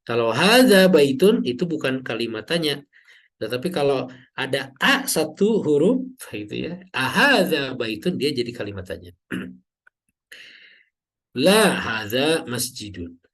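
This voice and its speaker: A man teaching Arabic grammar in an online class, explaining slowly and drawing out example words, often checking in with "ya". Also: mid-range voice, big pitch swings, a bit bright. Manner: slow, drawn-out teacher's explanation with frequent "ya" checks.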